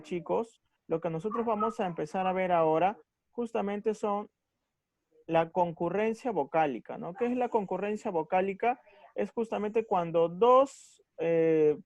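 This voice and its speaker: A man's high, darkish voice leads a recorded grammar lesson with no echo. Patient and slow, he emphasizes each syllable, pausing after each point to check on his students.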